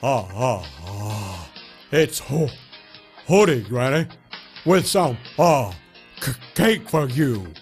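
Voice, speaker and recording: A man's voice: medium pitch, expressive, slow pace, soft background music. A man voicing a lecherous old wolf in a comic puppet film, stammering and hesitant. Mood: sly.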